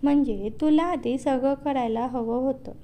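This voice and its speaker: A woman voicing a cold, firm younger brother in a read-aloud story, in her own slow reading voice. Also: high-pitched, dark tone. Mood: cold insistent.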